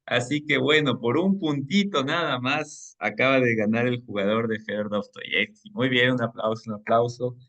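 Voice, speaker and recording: A man's voice: medium pitch, a little slow, fairly bright tone. A man moderating an online reading club meeting. He talks in a friendly, chatty way, chuckles often and explains things at length.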